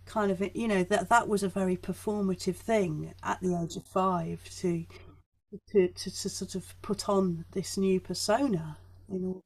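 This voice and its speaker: A woman with a soft Yorkshire accent chats casually, emphatically, often breaking off and circling back mid-thought. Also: fairly low pitch, fairly even intonation, normal speed, slightly rough. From northern England (Yorkshire), born in Essex. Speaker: guest, performer. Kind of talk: casual conversation.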